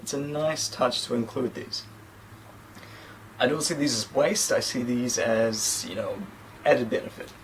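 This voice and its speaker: Measured in pace, a mid-range male voice belongs to a New Zealand tech reviewer in his thirties, casually rambling and making self-deprecating asides while unboxing a gadget. A camera mic a few feet away in his small room, backed by a plain sheet, gives a rough recording with slight background noise.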